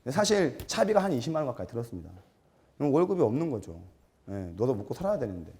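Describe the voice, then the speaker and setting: A man giving a storytelling seminar lecture, animated and self-mocking, acting out quotes and putting questions to his audience. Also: mid-range voice, fast talker. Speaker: lecturer for martial arts gym instructors.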